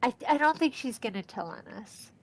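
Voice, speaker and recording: On a low-quality recording, a let's play streamer speaks briskly in a voice on the high side. She has a stuffy nose from allergies and chats casually, excitably reading the game's lines as she plays.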